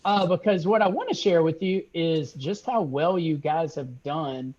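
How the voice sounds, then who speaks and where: During a business check-in on a video call, a man, a regional sales manager, praises his store team while going over their sales. His voice is fairly high and a little mellow, and he takes his time, peppering his upbeat remarks with "uh" and false starts. The recording is dull and low-fidelity.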